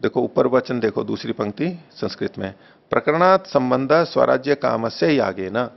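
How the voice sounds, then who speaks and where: Gravelly man teaching patiently. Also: mid-range voice, expressive. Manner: patient, slow, repeats phrases while checking wording. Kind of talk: text study class, reading and correcting a translation. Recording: dull lo-fi recording.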